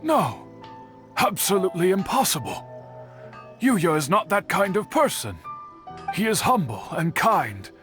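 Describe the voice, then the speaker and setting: An earnest young man speaks in a fairly high, measured voice while worrying over a missing friend. He stays composed but concerned. Faint game music sits behind him. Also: very animated, a bit bright, exaggerated voice. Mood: insistent. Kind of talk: game voice acting.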